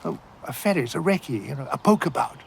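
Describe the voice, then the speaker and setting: A man's voice: on the high side, expressive, fairly quick, gravelly, slight background noise. An actor playing a flippant, eccentric male time traveller in an audio drama, breezy and offhand.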